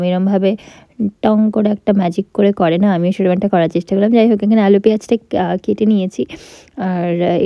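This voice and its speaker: A woman's voice: mid-range voice, no echo, muffled recording. Chatty young woman vlogging her cooking. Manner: chatty, explains as she goes. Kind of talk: casual cooking vlog chat.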